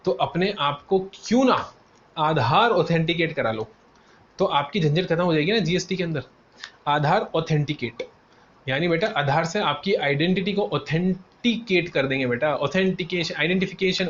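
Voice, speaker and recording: A male tutor giving a classroom lecture. He calls students "beta", answers his own questions in a student's voice, and repeats key terms. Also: fairly high pitch. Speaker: CA exam tutor. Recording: dull lo-fi sound with faint noise.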